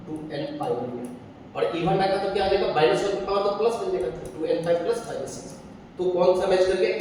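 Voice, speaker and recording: A man's voice: high-pitched, a little mellow. A man teaching a maths lesson, explaining step by step and answering his own questions. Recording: echoey room, far from the mic, faint noise.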